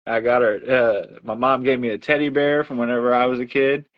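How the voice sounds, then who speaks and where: Brisk and level in tone, a man with a mid-range voice hosts a livestream, chatting about ordinary life and voicing the things other people said. Dull lo-fi audio.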